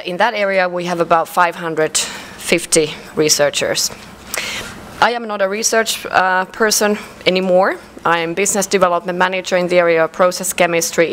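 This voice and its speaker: Woman, Finnish accent, conference presentation, hesitant, lowish voice, faint background hiss. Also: low-quality recording. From Finland. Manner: measured, with frequent hesitations and fillers. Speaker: conference speaker. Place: conference hall.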